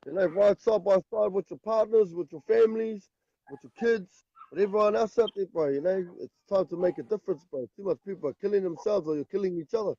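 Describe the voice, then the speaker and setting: A man's voice: sits high, brisk, creaky, warm tone, dry recording, highs cut off. A man with a broad New Zealand accent talking casually and earnestly as a guest caller, in a brotherly, slangy way. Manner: repeatedly punctuates phrases with "bro". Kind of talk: casual, earnest motivational talk.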